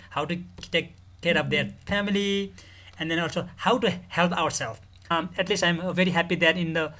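A man's voice: high-pitched, pushed and bright. Earnest man. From Nepal. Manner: earnest, measured explaining. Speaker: guest, mental health director. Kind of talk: podcast interview.

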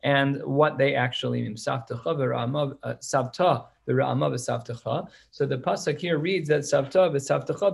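This man's voice sits in the mid range, creaky and husky, as he teaches a Talmud class. After reading Hebrew and Aramaic passages aloud, he breaks them down in relaxed, everyday English.

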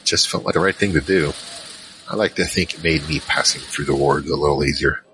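This very deep-voiced man is the narrator and lead character of an audio drama, speaking a little fast in scripted first-person narration as a curious, hesitant adventurer. The tone stays reflective and conversational while he hunts for words, and the background is noisy.

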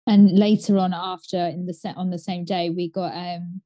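A woman's voice: on the low side, flat delivery, normal speed, mellow, no echo. A woman co-hosting a casual chat podcast, chatty and filling her talk with "like" and "um". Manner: chatty, frequent "like" and "um". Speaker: podcast co-host.

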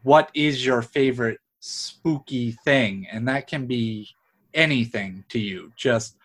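An interviewer asking relaxed, open-ended questions in a casual chat. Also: medium pitch, slow.

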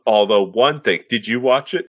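A man's voice: medium pitch, normal speed, a bit bright, lo-fi sound. A man talking casually about films as a podcast co-host.

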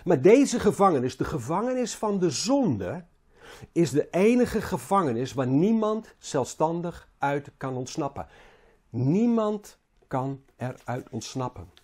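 A man preaches a Bible sermon in a husky, mellow voice pitched slightly high for a man. His sing-song delivery halts and repeats words, driving some phrases hard and letting others sink low.

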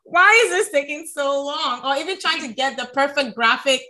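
A woman's voice: high voice, normal speed, background noise. A woman hosting a podcast, chatting casually in a friendly way and often murmuring agreement. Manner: friendly, with frequent affirmations. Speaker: podcast host. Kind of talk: casual chat.

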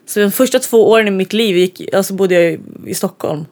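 A touring band musician from southern Sweden, chatting casually as an interview guest, laughing often and trailing off into soft asides. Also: mid-range voice.

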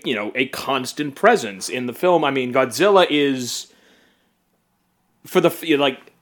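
A man's voice: on the high side, a bit bright. A young man co-hosting a podcast, talking casually about movies, hesitant and full of restarts. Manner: hesitant, many fillers and restarts. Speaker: podcast co-host.

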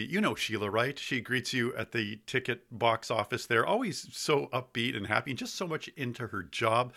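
Hosting a local podcast, a man from Ontario, Canada reads scripted narration with wry playfulness and interviews his guests. His mid-range voice is gravelly, pushed, and bright.

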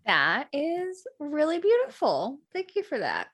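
A woman hosting a podcast interview. Her pitch rises and falls a lot as she talks, and she keeps it casual and conversational, leaning on fillers. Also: huge pitch swings, unhurried, fairly bright tone. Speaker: podcast host.

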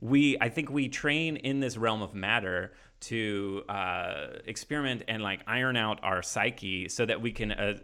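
A man's voice: lowish voice, bright, forceful tone. A man in his thirties hosting a casual chat, musing in a laid-back way and laughing easily. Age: 30s.

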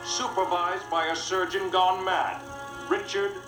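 A brisk, dramatic 1930s newsreel announcer declaims in a high, flat voice. The old newsreel narration rings with echo over loud music. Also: male voice. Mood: ominous. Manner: punchy, declaiming, monotone newsreel cadence.

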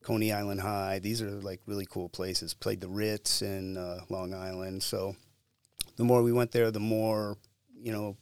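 A middle-aged man telling stories casually in an interview, lively and acting out the lines he quotes. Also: fairly low pitch, unhurried, clear, resonant tone, dry recording. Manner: animated, acts out quotes. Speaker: musician guest.

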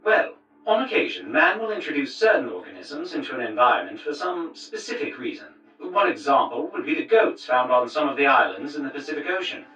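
Guy doing a professor talking on a tv in the next room, kinda far and dull, bright tone. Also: a little high, voice pushed up. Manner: measured, lecturing. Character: lecturing male professor on television. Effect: distant television sound. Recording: roomy, muffled TV audio with music.

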